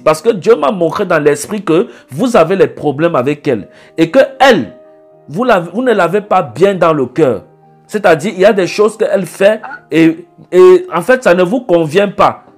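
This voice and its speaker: A man acting as a prophet in a call-in consultation, scolding the caller insistently and repeating himself. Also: high-pitched.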